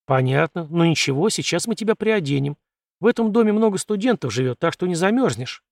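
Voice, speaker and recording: Self-assured young man in an audiobook, read by the narrator; brisk and easy, with a dry, close sound. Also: on the high side, lively intonation, vocal fry, no room sound. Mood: confident. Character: confident, easygoing young man, the fiancé.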